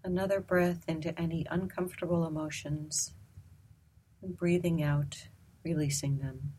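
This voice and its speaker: A woman with a low, breathy voice guides a meditation. She speaks slowly and softly, in a calm and gentle way. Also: poor audio. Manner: slow, soft, calm and gentle.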